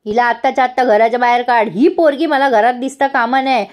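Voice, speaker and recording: Woman doing a furious mother-in-law, high, harsh and scolding. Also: fairly even intonation, fast, lightly acted. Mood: angry scolding. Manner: shouting insults, harsh and scolding.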